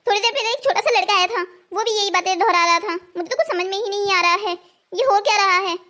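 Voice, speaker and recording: In a cartoon story, a woman performs the part of a confused, indignant young woman of 21 who is also stubborn. Her voice is very high-pitched, quick, bright and forceful, carrying bewildered indignation.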